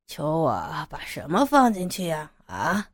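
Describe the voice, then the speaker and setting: Woman doing a low, teasing man. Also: very animated, dry recording, studio quality. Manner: low, slow, teasing coaxing.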